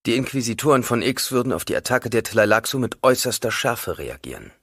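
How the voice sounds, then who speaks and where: Brief: male audiobook narrator, calm, deep, lively intonation, dry close recording. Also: fast, no room sound. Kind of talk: scripted narration.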